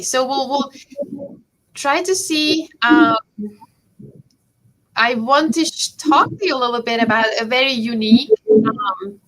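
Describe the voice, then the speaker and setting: Over a video call, a professor from Hungary leads a kids' chemistry camp with an encouraging, friendly talk, checking in with the children often. Her voice is high-pitched with a fairly bright tone, and the recording is low quality.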